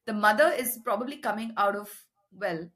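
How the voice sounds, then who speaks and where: An Indian-accented woman in a relaxed film conversation. Her voice sits fairly high and has a very bright, crisp edge. She argues her view emphatically. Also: normal speed. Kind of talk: casual conversational film discussion.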